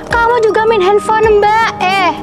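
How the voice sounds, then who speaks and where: A woman's voice: extremely high pitch, steady tone, a little slow, music in the background. A woman playing a rich company owner in a skit, talking down to others in a scolding tone. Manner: haughty, scolding. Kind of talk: amateur comedy skit acting.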